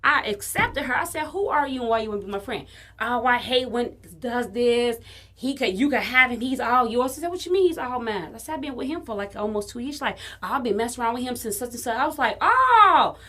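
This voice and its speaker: Woman podcast co-host from Chicago, profane, animated storyteller, higher, bright voice. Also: quick pace. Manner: animated, profane, acts out quoted dialogue. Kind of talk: casual storytelling chat.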